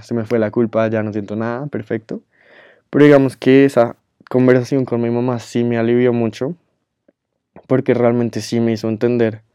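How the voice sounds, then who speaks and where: Young man, earnest vlog storytelling, smooth dry sound. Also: mid-range voice, mellow, dry recording. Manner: earnest, emotional, frequent fillers. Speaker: YouTuber. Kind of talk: personal storytelling to viewers.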